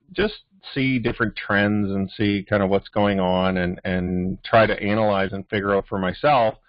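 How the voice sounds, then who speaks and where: Low-voiced Canadian man on a lo-fi call. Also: no room sound. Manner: rambling, many fillers and restarts. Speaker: host of a business training call. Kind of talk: casual motivational talk.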